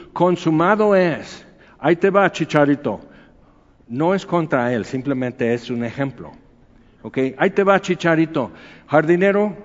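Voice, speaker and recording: A man, preaching a sermon in a relaxed, conversational storytelling way. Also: on the high side, in a large hall, muffled recording. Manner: anecdotal, conversational storytelling with acted quotes. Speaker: pastor.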